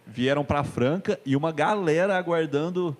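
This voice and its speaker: A man's voice: on the high side, moderate pace. A man with a Brazilian accent hosting a live talk show in a chatty, joking way. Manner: jokey, chatty banter.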